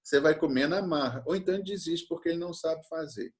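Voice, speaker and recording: A man's voice: on the high side, quick pace. Man teaching a fathers' session. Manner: tells stories and acts out quoted lines.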